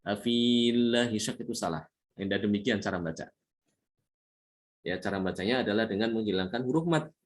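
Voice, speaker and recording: A man teaching a tajwid lesson, explaining patiently, repeating points and slowly chanting Arabic examples. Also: fairly low pitch. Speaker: Quran recitation teacher.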